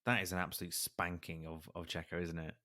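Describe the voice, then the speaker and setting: Deep-voiced podcast co-host. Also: male voice, a little fast, dry recording, studio quality. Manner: relaxed, chatty, acts out quotes. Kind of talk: casual chat.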